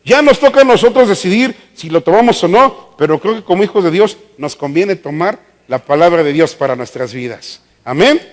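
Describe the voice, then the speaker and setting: A man's voice: high-pitched, lively intonation. A man preaching a sermon, questioning the congregation and stretching out emphatic words. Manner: call-and-response questioning, drawn-out emphatic words. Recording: long reverb of a church hall.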